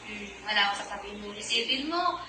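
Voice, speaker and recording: Woman, casual chat, halting and soft, far from the mic, echoey with clear noise. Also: mid-range voice, expressive. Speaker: interviewee, partner.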